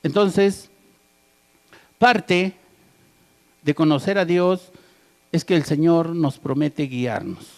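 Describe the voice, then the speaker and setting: This sermon comes from a man with a fairly high, gravelly voice who speaks slowly and leaves long pauses. As he preaches, he throws rhetorical questions at the congregation and finishes his points with "¿verdad?" (right?) and "amén" (amen).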